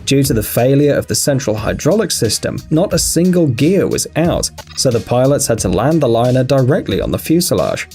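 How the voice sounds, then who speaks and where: A male narrator delivers a scripted voice-over with humorous asides. His pitch is middling but swings widely and animatedly, and music plays behind him. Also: a little mellow. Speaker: video narrator.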